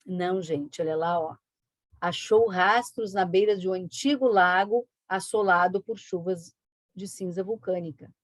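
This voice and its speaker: A woman teaching an online exam-prep lesson, brisk and coaxing, with frequent tag questions. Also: fairly low pitch, no room sound. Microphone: video call.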